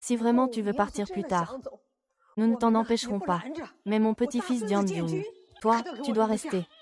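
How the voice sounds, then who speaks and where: A woman's voice: a little high, moderate pace, over music, natural voice. A woman dubbing dialogue for a family drama with an emotional delivery. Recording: loud crowd noise behind.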